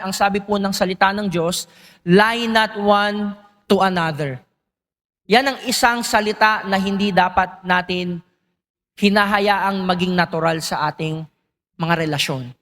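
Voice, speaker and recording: High-voiced male preacher in an echoing church. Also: pushed and bright. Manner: engaging, asks the congregation questions. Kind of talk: sermon.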